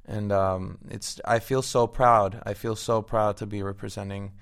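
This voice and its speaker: A man's voice: fairly low pitch, flat delivery, measured pace, creaky. A man from Venezuela with a Venezuelan accent, an actor guest chatting eagerly and restarting his words often. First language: Spanish. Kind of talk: casual interview chat.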